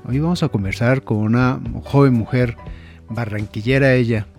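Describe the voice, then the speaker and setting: A man's voice: mid-range voice, steady tone, moderate pace, darkish tone, soft background music. A man with a Colombian Spanish accent hosting a radio interview conversationally, discursive and often addressing the listener directly.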